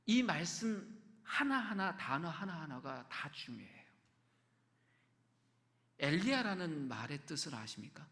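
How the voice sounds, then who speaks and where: Male pastor, slightly high and gravelly, conversational sermon delivery in a reverberant church. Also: big pitch swings, unhurried, pauses often. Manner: conversational preaching, asks the congregation questions, drops to soft whispers. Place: church sanctuary.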